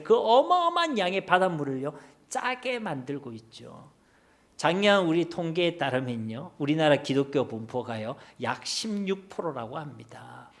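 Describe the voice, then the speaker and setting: A man preaching a sermon and leading a prayer as pastor. He asks emphatic rhetorical questions and lets his phrase ends drop off softly. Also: high voice.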